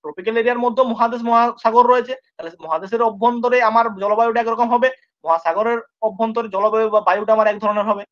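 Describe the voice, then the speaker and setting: Rapid high-voiced male tutor. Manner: constantly checks understanding, repeats points; informal, addresses students familiarly. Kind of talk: exam-prep geography lesson. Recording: dull lo-fi recording.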